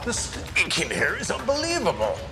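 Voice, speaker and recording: An actor playing an exasperated, scolding building boss in a TV comedy-drama. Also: male voice, sits high, huge pitch swings, moderate pace, music in the background, heavily acted. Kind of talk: television comedy-drama acting.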